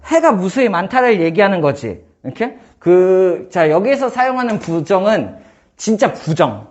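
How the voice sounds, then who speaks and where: A man teaching math in a casual one-on-one lesson, firing quick questions at his student and joking. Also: high-pitched, very animated, darkish tone, muffled recording. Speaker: math tutor.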